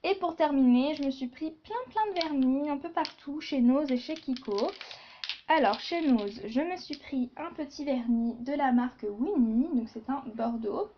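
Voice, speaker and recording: A woman's voice: sits high, measured pace, a little hiss or hum. Woman, beauty vlogger, casual chatter, dull lo-fi sound. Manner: chatty, many fillers and asides. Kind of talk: casual haul video chat.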